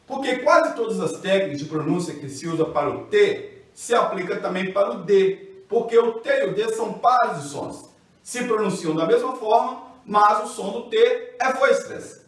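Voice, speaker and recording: Brazilian Portuguese-accented male teacher, higher register, careful scripted delivery, boomy echoey room. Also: lively intonation, a bit bright, far from the mic. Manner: slow, careful over example words. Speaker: English pronunciation teacher. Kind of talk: scripted lesson.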